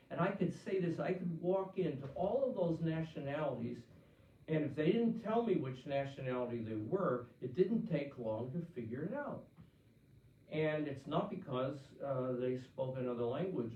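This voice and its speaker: An older pastor from Pennsylvania answers listener letters in a conversational Q&A, with frequent restarts and fillers. His voice is on the high side and creaky. The recording is roomy, distant and dull.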